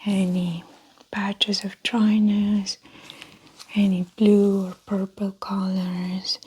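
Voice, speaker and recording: A woman playing a calm, methodical female doctor in a whispered role-play, speaking in a soft breathy whisper with gentle clinical narration. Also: mid-range voice, takes it slowly, rough recording. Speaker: ASMR performer.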